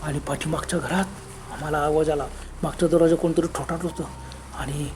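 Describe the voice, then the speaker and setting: A man narrating a first-person horror story in a dramatic, halting way, with gasped exclamations. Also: fairly high pitch, steady tone, a little mellow, faint music behind.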